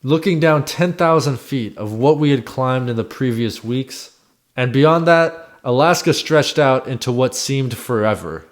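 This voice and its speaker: A man with an average-pitched voice delivers scripted voice-over narration. He tells his own expedition as a reflective first-person story. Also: unhurried.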